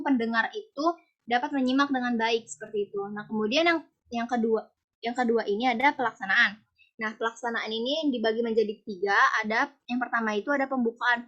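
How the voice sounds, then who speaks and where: Young woman presenting, halting, lo-fi. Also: on the high side, a bit bright. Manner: casual, halting explanation with many fillers. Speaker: student presenter. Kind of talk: class presentation. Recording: dull lo-fi recording.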